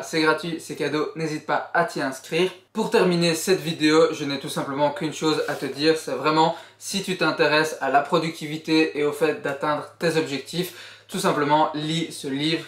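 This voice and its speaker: A man's voice: fairly high pitch, a bit bright, roomy sound. A young man summarizing a book in a casual vlog, earnest and encouraging as he speaks directly to the viewer. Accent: Belgian French. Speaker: YouTuber.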